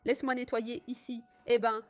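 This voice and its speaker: A woman's voice: on the high side, level tone, moderate pace. Chatty woman vlogging from a motorbike. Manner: chatty, exclamatory, addresses viewers as friends. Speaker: motovlogger. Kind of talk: casual riding commentary. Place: riding a motorcycle outdoors in city traffic in rain.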